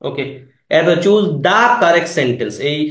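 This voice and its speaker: A man teaches an exam-prep class, firing quick questions at his students and repeating the key words. His voice sits a little high for a man. The room gives it a clear echo. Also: animated. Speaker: English teacher.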